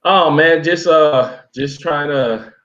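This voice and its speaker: A man's voice: a little high, takes it slowly, a bit bright, dull audio. A man from Miami, interviewed as a guest, telling his story in a loose, rambling way with many fillers and restarts. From Miami, USA. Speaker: interview guest, travel YouTuber. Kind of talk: casual conversational storytelling.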